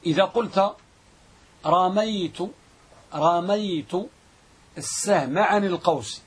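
A man teaching a grammar class, repeating definitions slowly and quizzing his students. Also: sits high, breathy edge. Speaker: Islamic scholar teaching Arabic grammar.

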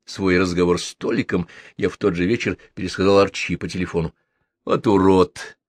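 A man narrating a first-person novel in a measured, wry manner. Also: low-pitched, level tone, breathy edge, no echo, clean studio sound. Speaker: audiobook reader.

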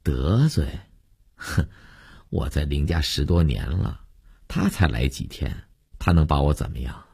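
Guy doing a sharp-tongued middle-aged nanny, grumbly and sore, husky low voice, dry sound. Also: animated, unhurried, heavily acted. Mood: indignant. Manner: indignant, grumbling.

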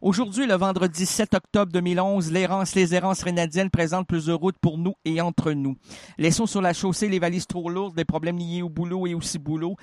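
A man with a somewhat high voice, hosting with playful wordplay and mock grandeur. The sound is close and dry. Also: steady tone, brisk, a little mellow, no echo. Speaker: radio show host. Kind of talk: playful scripted introduction and banter.

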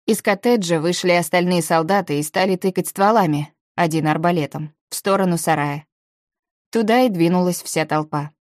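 A woman with a low voice reads a first-person novel aloud in measured, even storytelling. The sound is close and dry, with no room around it. She keeps a steady audiobook pace through the narration. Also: no room sound.

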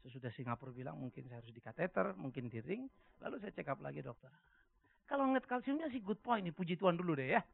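Pastor, male, older, high gravelly voice, lively sermon delivery, tinny lo-fi sound. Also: fast. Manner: animated preaching, swings from soft musing to shouting.

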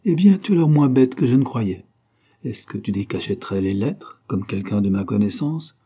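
Male reader doing a shrewd older mother, mocking, low dark husky voice. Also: expressive, moderate pace. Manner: mocking, wary, dry.

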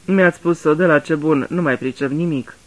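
A man voicing a dazed, listless Englishman in a radio drama reading, speaking slowly and faintly, bewildered. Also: on the high side, lightly acted, low-quality recording.

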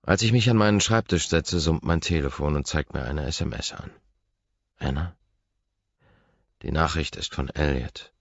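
A man narrating a first-person audiobook in a measured, introspective way. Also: extremely low pitch, no echo. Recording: slightly dull recording.

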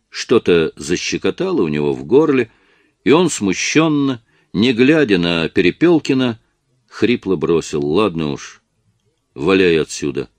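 A man narrating a novel in an expressive storytelling manner. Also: on the low side, no room sound. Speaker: audiobook narrator. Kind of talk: scripted narration.

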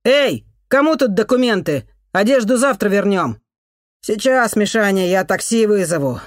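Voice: mid-range voice, expressive, slow, no echo, studio quality, pitched above the performer's own voice. A reader doing a blunt older working man. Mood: coaxing. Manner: blunt, loud, coaxing.

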